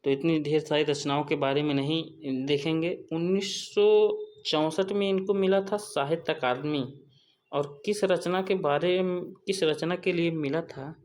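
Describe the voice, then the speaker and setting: A man's voice: on the high side, fairly even intonation, a little slow. Man repeating answers in an exam-prep lesson. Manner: repeats each answer, asks and answers his own questions. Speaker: Hindi exam tutor.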